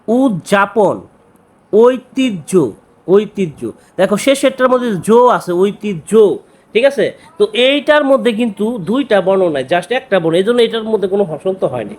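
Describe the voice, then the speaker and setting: A man teaching an exam-prep grammar lesson, who repeats key words and keeps asking quick check questions. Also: high-pitched.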